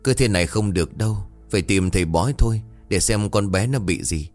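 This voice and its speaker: A man voicing a gruff old grandfather. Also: fairly low pitch, a little fast, a little mellow, faint music behind, close to an everyday voice. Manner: gruff, indignant. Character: grieving older grandfather, stern and protective.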